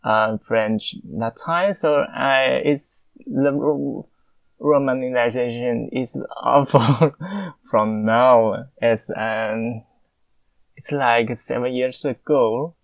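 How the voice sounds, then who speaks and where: Speaking with a Mandarin Chinese accent, this young man, a native Mandarin speaker, responds to listener questions in a relaxed, stop-start monologue packed with filler pauses. His mid-range voice is gravelly with fairly even intonation, captured in a dry recording.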